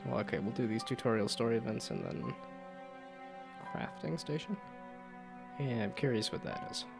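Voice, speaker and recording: A man's voice: medium pitch, big pitch swings, moderate pace, gravelly, over music. A man doing casual, rambling game commentary as a streamer, jokey and thinking aloud.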